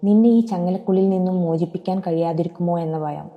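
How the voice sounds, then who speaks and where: A woman voicing a calm, steadfast young man in love, speaking gently in a storybook reading. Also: on the low side, fast talker, highs cut off, natural voice. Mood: calm tender. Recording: long hall reverb.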